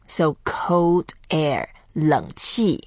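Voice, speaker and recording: Host for a language podcast: young woman from Taiwan, lowish voice, slow careful drills, dull dry close-mic sound. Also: animated, darkish tone, no echo. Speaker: Chinese language teacher and host. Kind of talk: scripted language lesson podcast.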